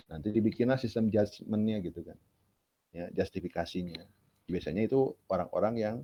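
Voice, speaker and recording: Low-voiced male lecturer. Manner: chatty, explains with rhetorical questions and fillers. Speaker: university lecturer. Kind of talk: casual classroom lecture. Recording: dull lo-fi classroom recording.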